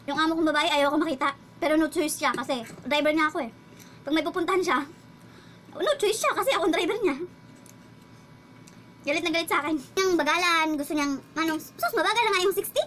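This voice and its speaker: A woman's voice: very high-pitched, fairly quick, fairly bright tone, a little hiss or hum. A woman driver telling a casual vlog story, chatty and laughing as she talks. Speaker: household driver and vlogger.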